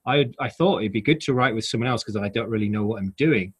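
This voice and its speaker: A Yorkshireman in his forties, speaking with a Yorkshire English accent, chats as a guest in a casual interview. He rambles in a self-deprecating way with wry asides. His voice is lowish, fast and slightly rough.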